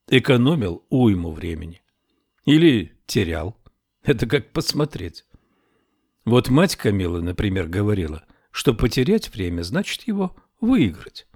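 A man narrating an audiobook in a measured, expressive storytelling manner. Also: lowish voice, dry recording, clean studio sound. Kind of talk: scripted narration.

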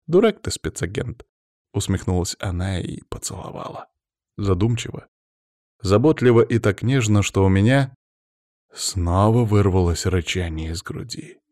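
A man narrating a first-person audiobook in a low voice. His reading is quiet and measured, often dropping to a hush. The sound is dry and close, with no room echo.

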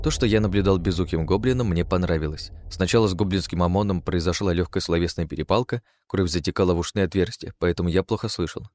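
A man reading a dark comic fantasy audiobook in a wry, deadpan first-person telling. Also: low voice, quick pace, hardly any pauses, slight background noise. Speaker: audiobook reader.

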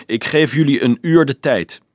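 A man reading a storybook aloud, voicing a gruff medieval army officer who barks curt, impatient orders. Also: mid-range voice, moderate pace, no echo, voice pushed up, close to an everyday voice. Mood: commanding.

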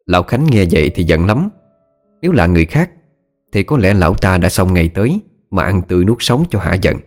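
A man's voice: sits low, lively intonation, brisk, darkish tone. A man giving scripted, dramatic narration of a horror story. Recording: faint background music.

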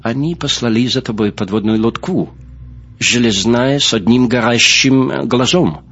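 A man reads as a hard-drinking male buccaneer who speaks slowly with a drawling skepticism. The voice is husky, and the audiobook sound is muffled. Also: medium pitch, a bit bright, pitched above the performer's own voice. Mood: skeptical. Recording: muffled lo-fi recording.

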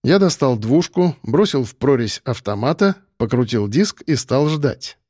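A man narrating a first-person audiobook in an ironic, lively manner, close to the mic. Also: medium pitch, measured pace, no echo.

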